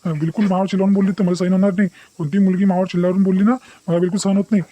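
A man's voice: high voice, little pitch movement, warm tone, no echo. A man voicing a young, deceitful, bossy boyfriend in a cartoon, dismissive and threatening. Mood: angry. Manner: dismissive, taunting, fast-talking. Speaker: cartoon character. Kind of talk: Marathi cartoon voice acting.

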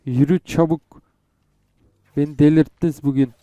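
A man's voice: a little high, fairly even intonation, normal speed, dark tone, dry recording, dull audio. A young man playing a game and commenting, frustrated and swearing as he goes. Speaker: gamer. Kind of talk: gameplay commentary.

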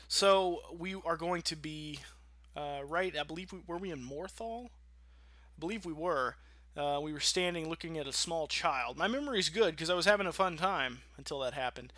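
A man runs a gaming channel, offering casual, rambling let's-play commentary that is informal and sweary, with game music playing behind him. His voice is fairly high, bright and forceful.

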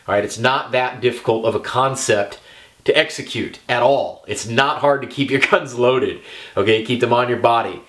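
A man's voice: mid-range voice, normal speed, a bit bright. A young man giving an emphatic talk straight to the camera as a firearms instructor, checking in often with "okay" and "all right".

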